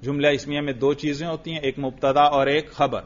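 A male teacher drilling a student on grammar, asking short questions, repeating the answers and praising briskly. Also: on the high side, flat delivery. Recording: muffled lo-fi recording.

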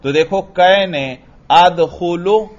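A man teaching Arabic grammar in to a class, slowly repeating phrases and quizzing his students. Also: sits high, dull audio. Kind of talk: classroom lesson.

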